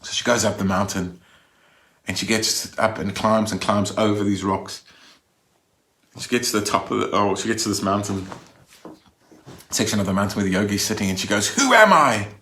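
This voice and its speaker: Lowish male voice, conversational minister. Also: level tone, moderate pace, pauses often, fairly bright tone. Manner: conversational, with frequent restarts. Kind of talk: recorded Sunday reflection.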